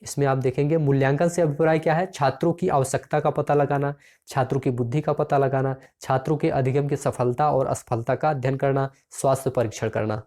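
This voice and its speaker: A man's voice: mid-range voice, fairly even intonation, brisk, a little mellow. A man teaching an exam-prep lesson, reading out each question and its options, then repeating the correct answer and calling his listeners friends.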